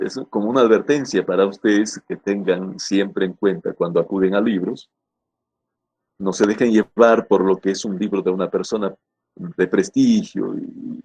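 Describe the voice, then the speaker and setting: A man with a low, husky voice gives a lesson on spelling rules. He speaks in a hesitant, repeating way, filling pauses with "eh". He often turns to his students to check that they follow. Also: darkish tone. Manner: checks in with frequent "¿no?" and "¿ya?"; hesitant, repeats words with "eh" fillers. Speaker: language teacher.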